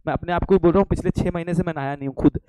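A man's voice: a little high, steady tone, very fast, mellow, smooth, dry recording. A young man teaching an online commerce class live, playful and teasing, quizzing students and answering his own questions, slipping English phrases into his talk. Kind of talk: live online lecture with jokes.

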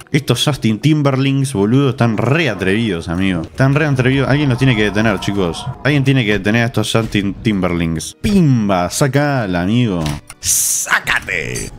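A man with an Argentine accent chats over his own gameplay in a somewhat low voice. He jokes, swears freely and keeps turning to his viewers to talk to them directly. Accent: Argentine Spanish. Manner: crude, joking, quick to swear and laugh; chatty, often addresses viewers directly. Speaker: gaming streamer. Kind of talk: live gameplay commentary.

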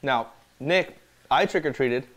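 A man's voice: medium pitch, takes it slowly, a bit bright. A man in a casual chat, easygoing and joking along with the others.

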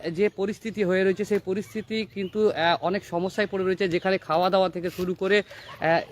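A man reporting live from a flooded road, speaking in halting phrases with many filler pauses. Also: high-pitched, little pitch movement. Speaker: field reporter.

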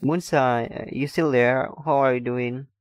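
Reading comments aloud during a game stream, a young man from Indonesia speaks slowly at medium pitch with a steady tone. His chatter is halting, with frequent restarts and laughs. There's no room sound, just faint game music, and his shotgun mic points away from him.

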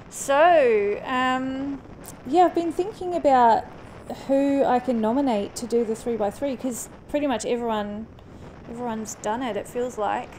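Riding along an open country road, a New Zealand-born, Australian-raised woman in her late thirties chats to camera in a mixed accent, stumbling through ums and restarts. Her voice is slightly high and warm. The helmet action cam captures low-quality sound, with motorcycle engine and wind noise behind her.

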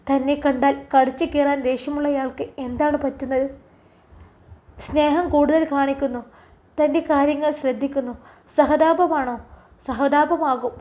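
A woman from Kerala narrates an emotional story. She speaks softly and earnestly in a high voice.

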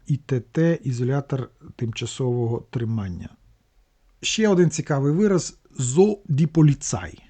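A man's voice: fairly high pitch, warm tone, husky. A man teaching a language lesson, patiently explaining grammar and word meanings step by step, with small restarts.

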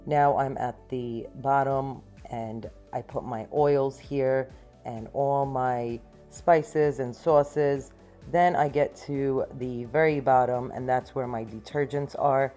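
A woman in her thirties talks through her housework in a clean-with-me vlog, upbeat and matter-of-fact as she explains each step. Her voice sits unusually deep for a woman. Soft music plays faintly under her words in a small home. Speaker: cleaning vlogger. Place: small home, living room and pantry.

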